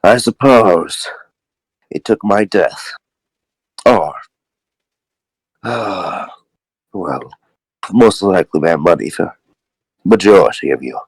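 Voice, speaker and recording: Man playing a frail dying old rich man, slow and sighing, low voice, dry sound. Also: animated, no echo, full character voice. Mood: weary.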